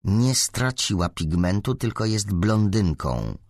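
A man voicing a sharp-tongued teenage schoolgirl. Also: sits high, big pitch swings, very slow, husky, dry recording, studio quality, voice pushed up, heavily acted. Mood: indignant.

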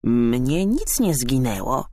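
A man voicing a sleepy, hungry young male hedgehog who talks slowly and cheerfully. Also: medium pitch, big pitch swings, warm tone, no echo, exaggerated voice. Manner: drowsy, slow and cheerful.

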